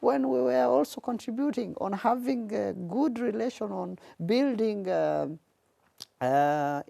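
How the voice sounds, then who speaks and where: A man from Tanzania, answering interview questions in a measured way with frequent hesitations. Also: high voice, gravelly, mellow, no echo. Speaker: guest, public relations officer.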